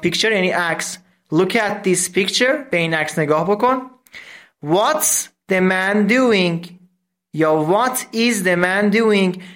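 A man teaching English from a textbook in a recorded lesson, explaining step by step and saying English words slowly. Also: high voice, fairly bright tone.

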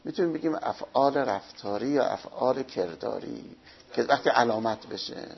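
In a dull, lo-fi recording, a man gives a seminary lecture in an expressive, creaky, mid-range voice. He goes slowly, step by step, asking his own questions and answering them.

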